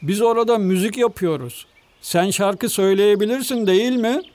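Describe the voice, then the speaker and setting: A man's voice: sits high, moderate pace, a little mellow, no room sound, close to an everyday voice. A man voicing an old, cheerful male donkey in a storybook reading, coaxing and kindly. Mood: encouraging.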